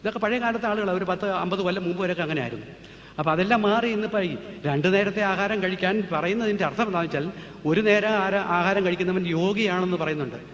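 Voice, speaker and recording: Fast-talking man lecturing in an echoey hall. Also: high voice, a bit bright. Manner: rapid, emphatic lecturing with rhetorical questions. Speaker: naturopathy speaker answering audience questions. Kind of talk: public talk. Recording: echoey hall, dull lo-fi with faint noise.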